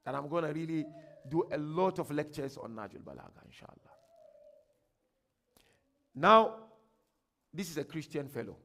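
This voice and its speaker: A high-voiced man with a Ghanaian accent delivers a religious lecture, his voice rough with gravel. He swings from loud, emphatic declaiming to hushed asides. Quotations come out slow and grand. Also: expressive. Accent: Ghanaian English. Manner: reads quotations slowly and grandly. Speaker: sheikh giving a workshop lecture.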